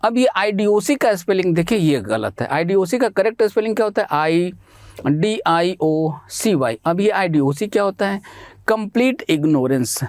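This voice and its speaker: A man's voice: sits high, big pitch swings, brisk, a little mellow, no room sound, clean studio sound. Indian male teacher spelling words aloud. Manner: asks questions and answers them himself, spells words out letter by letter; addresses students as beta and bhai. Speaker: exam-prep English teacher. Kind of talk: Hindi classroom lecture.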